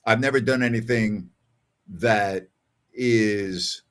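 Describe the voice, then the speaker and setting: An older man hosts a casual sports call-in show, reading listener messages in a conversational, emphatic way and repeating phrases to drive points home. His voice sits fairly low, with a slow pace and a fairly bright tone.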